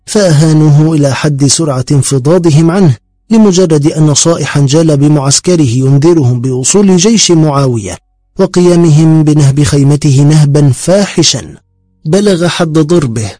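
A man narrates a historical book in a measured, formal reading voice. His pitch sits a little high, yet the tone stays mellow and dark. The close recording is dry, with no room sound. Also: no room sound. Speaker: audiobook narrator. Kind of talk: scripted narration.

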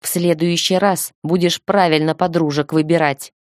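A woman's voice: lowish voice, fairly even intonation, normal speed, darkish tone, no echo, studio quality, close to an everyday voice. A woman voicing an exasperated young man who snaps curt orders, in an audiobook reading. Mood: fed up. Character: young man, the fiancé, blunt and fed up.

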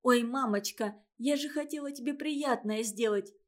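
A woman's voice: fairly high pitch, lightly acted. A woman doing a sly chattering little girl. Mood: wheedling. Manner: fast sly wheedling chatter.

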